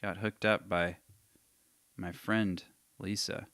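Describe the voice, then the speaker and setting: A man's voice: deep voice, level tone, takes it slowly, a bit bright, dry recording, studio quality. A man hosting a live question session, casually thinking aloud and reading long passages aloud with emphasis. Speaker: host answering viewer questions.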